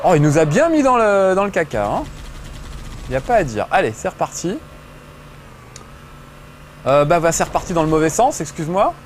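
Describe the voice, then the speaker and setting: A man's voice: a little high, sing-song, moderate pace, long pauses, slight background noise. A middle-aged man giving joking, chatty commentary while playing a video game, swearing casually. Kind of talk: gameplay commentary.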